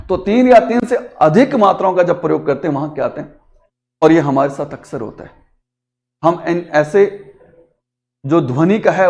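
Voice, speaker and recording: A man teaches a grammar class in a high, bright voice. He draws syllables out long to show how they sound, calls words out as if across a distance, and asks his students questions along the way. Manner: speaks to students directly, asking questions.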